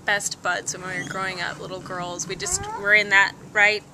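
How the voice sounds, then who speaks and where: A woman's voice: mid-range voice, moderate pace. A young woman chatting casually as a guest, telling a story with frequent laughter. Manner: laughs often, animated storytelling. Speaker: visiting guest, younger cousin. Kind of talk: casual chat. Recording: home video with noisy background.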